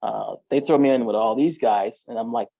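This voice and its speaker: A man's voice: medium pitch, normal speed, vocal fry, dry recording, narrow, tinny audio. A man, a podcast guest, telling his own story in casual street slang, full of "like" and "you know".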